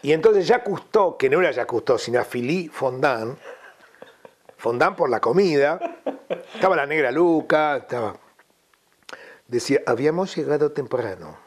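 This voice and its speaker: Rioplatense guy, middle-aged, husky, chatting and telling radio stories. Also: fairly high pitch, lively intonation, normal speed, long pauses. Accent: Rioplatense Spanish. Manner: storytelling, reminiscing, slips into old-radio announcer voices. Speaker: radio host guest. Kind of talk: casual interview chat.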